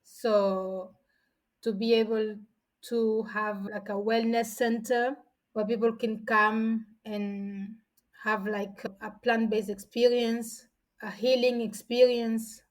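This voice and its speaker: This rough recording captures a woman whose voice sits on the high side, her tone level and her delivery slow. A guest in her forties from São Tomé and Príncipe, she tells stories casually and chattily, often starting over mid-thought.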